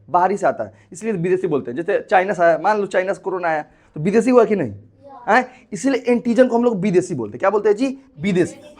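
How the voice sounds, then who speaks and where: A young male teacher giving a classroom lecture, often asking the class questions and acting out the body with sound effects. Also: high-pitched.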